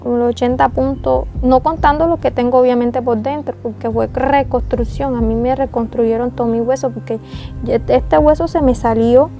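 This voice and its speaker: A woman's voice: on the high side, fairly even intonation, normal speed, mellow, highs cut off, faint music behind. A young woman, giving an earnest, tearful testimony in an interview. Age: young adult. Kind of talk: emotional testimony.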